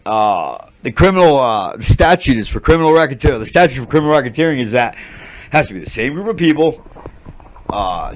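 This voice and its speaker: A man's voice: a little high, slight background noise. A man hosting his own channel, ranting unscripted about a grievance, agitated and swearing, with many restarts and fillers. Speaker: channel host. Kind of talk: unscripted rant to camera.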